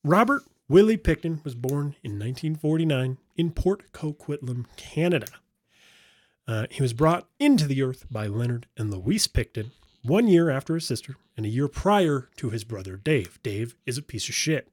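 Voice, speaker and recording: A man hosting a casual podcast chat in an everyday mid-pitched voice. He jokes, swears and laughs often as he tells the story. The sound is dry and close. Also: animated, moderate pace, dry recording. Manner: joking and profane, laughing often. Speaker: podcast host.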